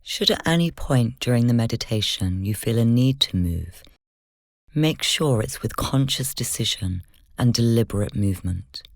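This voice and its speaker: A meditation guide leads a guided session with slow, measured, gentle instruction, soft-spoken and sometimes whispery. The voice is medium-pitched with lively intonation and vocal fry, recorded at studio quality with no room sound.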